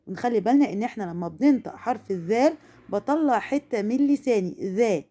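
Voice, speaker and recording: A woman with an Egyptian accent gives a recorded lesson to young children in a warm, darkish voice. She stretches out each word with exaggerated care and repeats it right after. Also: fairly high pitch, lively intonation, quick pace. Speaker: primary school Arabic teacher.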